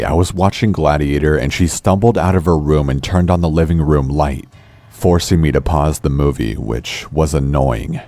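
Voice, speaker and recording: A man narrating a scripted horror story in a calm, measured way. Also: very deep voice. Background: faint music.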